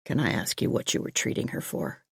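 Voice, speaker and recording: A woman voicing a calm, dry male police chief in an audiobook, lowering and quieting her voice. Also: dry recording, natural voice. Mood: measured. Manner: low, quiet and measured.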